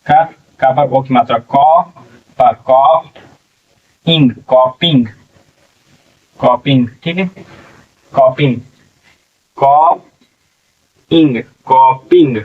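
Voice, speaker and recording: A male English teacher slowly sounding out words letter by letter in a spelling lesson, often checking in with the class. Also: mid-range voice. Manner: slow, drawn-out syllable-by-syllable sounding out; frequent "theek hai" check-ins. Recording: distant, dull lo-fi recording.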